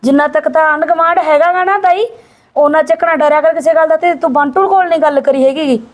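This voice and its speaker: A blunt, bossy young village woman, played by a woman in a homemade family drama. She talks quickly in a high voice, scolding and insistent. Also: fairly even intonation, lightly acted.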